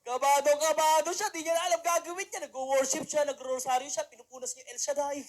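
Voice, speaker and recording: A young man, a mentor and motivational speaker, gives an animated talk to a live audience from a stage. He acts out quotes as he tells stories and keeps asking the crowd "di ba?". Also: very high voice, quick pace. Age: young adult. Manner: animated storytelling, acting out quotes; peppers lines with rhetorical "di ba?".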